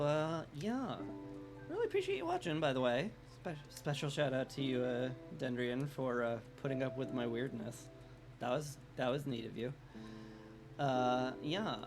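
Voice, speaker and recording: A man with a raspy, strained throat streams a game over background music. His mid-pitched voice rambles casually through live commentary, with a wry, self-deprecating touch. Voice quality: raspy, like a smoker's rasp.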